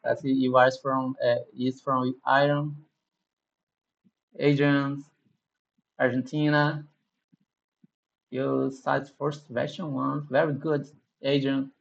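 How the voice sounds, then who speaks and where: A man hosting a live online class Q&A, speaking haltingly with many restarts and thanks. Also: medium pitch, little pitch movement, gravelly, muffled recording. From Brazil. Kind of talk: casual online class chat.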